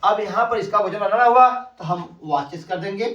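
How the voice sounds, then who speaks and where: A man teaching an English grammar lesson, explaining slowly and spelling words out letter by letter. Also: sits high, a bit bright, dull audio. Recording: echoey room, voice from a distance.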